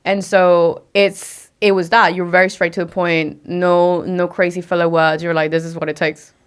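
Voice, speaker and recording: A young woman from Mexico, a native Spanish speaker, talks as a guest in a casual podcast interview. Her voice is fairly low, clear, and resonant, with a level tone at a moderate pace, and she speaks directly and emphatically while asking herself rhetorical questions.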